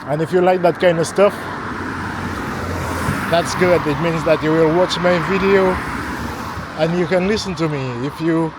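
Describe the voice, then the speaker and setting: A man vlogging while he walks through a neighborhood at night, talking in a slow, halting way and repeating words as he goes. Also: a little high, steady tone, background noise. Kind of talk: casual walking vlog talk. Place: outdoors on a neighborhood street at night. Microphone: handheld camera mic while walking.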